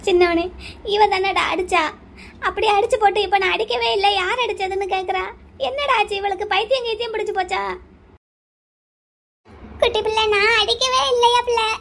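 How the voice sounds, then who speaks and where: An anxious, tearful young wife from a cartoon, as a woman acts her out, pleading and questioning insistently. The voice is pitched extremely high, almost childlike. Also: fairly even intonation, fairly quick, pauses often, a bit bright. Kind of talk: cartoon voice acting.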